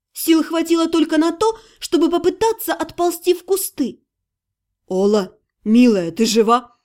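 A woman narrating a first-person fantasy audiobook in an expressive storytelling manner. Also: high voice. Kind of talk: scripted narration.

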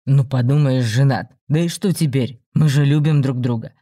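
A man's voice: mid-range voice, warm tone, lightly acted. A man voicing a smug self-assured husband. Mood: placating. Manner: slow, soothing, self-justifying. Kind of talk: audiobook story reading.

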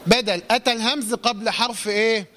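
A man with an Egyptian accent teaching a Quran recitation lesson. He asks questions and answers them himself, and draws out recited words slowly. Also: high-pitched, bright, forceful tone. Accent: Egyptian Arabic. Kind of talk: classroom tajweed lesson.

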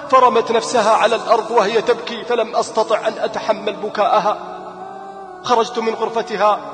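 A man's voice: very high-pitched, fairly bright tone. A man telling a moral story as a sermon, impassioned and pleading, repeating phrases for emphasis. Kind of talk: emotional sermon-style story narration. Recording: echoey hall with background music.

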